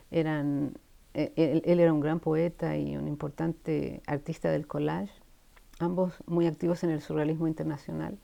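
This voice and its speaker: A woman's voice: low-pitched, vocal fry, dark tone. A woman in her sixties from Chile, a guest writer talking thoughtfully in an in-person interview at a university, often restarting her sentences. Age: 60s. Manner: thoughtful, with frequent restarts and trailing asides. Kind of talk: casual interview conversation.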